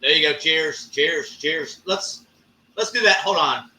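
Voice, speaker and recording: A man hosting a live stream, talking casually and ranting with lots of swearing and drawn-out fillers. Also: on the high side, expressive, bright, forceful tone, distant mic. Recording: echoey room, off-mic.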